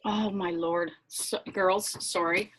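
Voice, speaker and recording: A woman's voice: on the low side, fairly even intonation, slow pace, fairly bright tone, slight background noise. A woman leading a casual online sales training on a computer mic. She is flustered and apologetic, swearing under her breath, then chatty and encouraging. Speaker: team leader presenting a sales training. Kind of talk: casual live online presentation.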